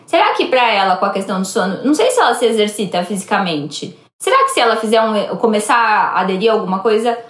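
A woman's voice: medium pitch, lively intonation, quick pace, hardly any pauses. A Brazilian woman speaking as a podcast guest in casual explanatory chat, reflectively talking through examples, recorded with a roomy sound. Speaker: podcast guest giving advice.

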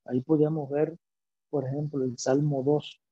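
Guy giving a slow lecture, husky voice, bit higher pitched, dull lo-fi recording. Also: flat delivery, warm tone, no room sound. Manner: slow, deliberate, explains step by step with rhetorical questions. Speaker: teacher. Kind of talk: lecture on biblical poetry.

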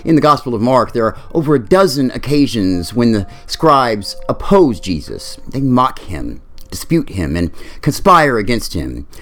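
Male pastor, sermon delivery, expressive storyteller with a wide pitch range. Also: moderate pace, faint music behind. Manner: lively storytelling, acting out quoted voices.

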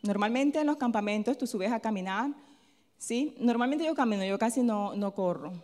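A woman delivers a sermon in a fairly high voice. She keeps asking questions and answering them herself, tagging her lines with a quick "¿sí?". Her words ring on in a long hall reverb. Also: animated. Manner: tells a personal story in a softer, chatty tone. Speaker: preacher. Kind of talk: sermon with call-and-response questions.

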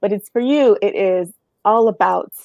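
A woman's voice: medium pitch, normal speed, vocal fry, a little mellow, no echo, muffled recording. Casting: dramatic, upbeat woman host, dry close sound. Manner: theatrical, enthusiastic. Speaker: podcast host. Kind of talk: interview introduction and chat.

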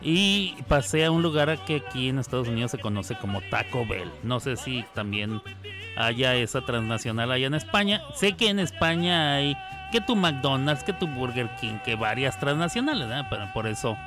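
A man's voice: mid-range voice, expressive, moderate pace. A man with a Mexican accent hosting a radio show, chatting playfully and teasing listeners as he reads their comments. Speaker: radio host. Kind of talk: casual radio chat. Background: music.

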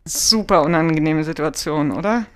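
Smooth-voiced measured podcast host. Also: mid-range voice. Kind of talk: podcast interview and scripted segment.

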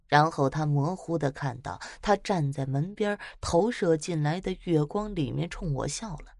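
A woman with a low voice recounts eerie tales in a casual, chatty way. Her pitch moves about a great deal as she builds suspense. The sound is close and dry, with no room around it. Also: dry recording. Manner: chatty, lively retelling with dramatic swells. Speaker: storyteller. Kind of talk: casual narration of spooky stories.

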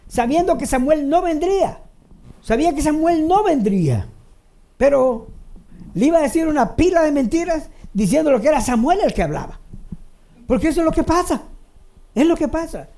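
Animated, mellow-voiced preacher. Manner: repeats phrases for emphasis; swings between raised emphatic lines and low quiet asides. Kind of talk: sermon.

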